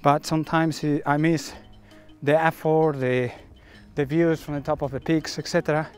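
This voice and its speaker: A middle-aged man with a Spanish accent, a hiking vlogger talking casually to the camera outdoors on a mountain summit, his English unhurried and a little halting. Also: on the high side, little pitch movement, clean tone, faint music behind. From Spain. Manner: unhurried, slightly halting non-native English.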